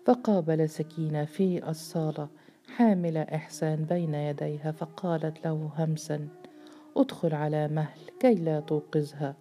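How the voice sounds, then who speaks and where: A woman narrating a novel aloud in a measured, steady storytelling voice. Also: low-pitched.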